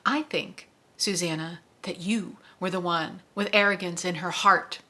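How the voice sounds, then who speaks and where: A woman reading aloud as a stern male gunslinger, calm and measured. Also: fairly low pitch. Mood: patient, stern. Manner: calm, measured, matter-of-fact.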